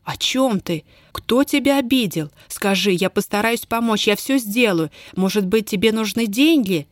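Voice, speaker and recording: A woman's voice: mid-range voice, expressive, normal speed, dry recording, clean studio sound, pitched above the performer's own voice, natural voice. A woman reading an audiobook, voicing an earnest young male army officer who pleads in love and speaks steadily. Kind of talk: audiobook character voice.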